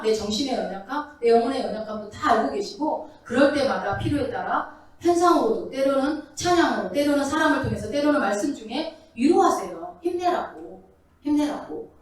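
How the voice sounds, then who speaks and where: A woman pastor delivers a lively sermon in a church sanctuary. Her voice sits a little high. It carries a heavy, booming echo and sounds picked up from some distance away. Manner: lively storytelling preaching, acts out voices of biblical figures. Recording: echoey church hall, mic at a distance.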